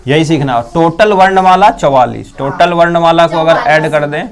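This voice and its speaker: A male teacher with a Bihari accent giving a classroom lesson, sounding out letters and quizzing his students. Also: on the high side. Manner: drills sounds slowly, quizzes students often. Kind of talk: classroom Hindi pronunciation lesson.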